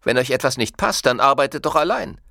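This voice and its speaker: A man's voice: mid-range voice, animated, fairly quick, vocal fry, bright, forceful tone, no room sound, clean studio sound, voice pushed up, full character voice. A man reading a story aloud, voicing a scrawny young male swindler who snaps orders harshly. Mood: harsh, commanding. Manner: harsh, snapping.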